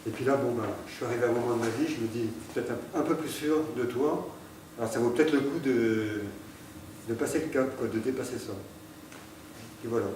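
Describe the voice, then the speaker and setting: A man's voice: medium pitch, brisk, darkish tone. A man giving a hesitant, casual account of joining an amateur theatre group, with many fillers. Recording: echoey room, speaking from far off, background noise.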